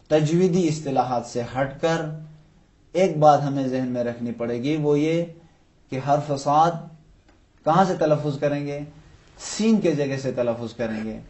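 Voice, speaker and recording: A man teaching Quran recitation to children, patiently posing questions and slowly drawing out example words to show each sound. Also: on the high side, darkish tone. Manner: patient, poses questions then answers them. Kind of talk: tajweed lesson for children.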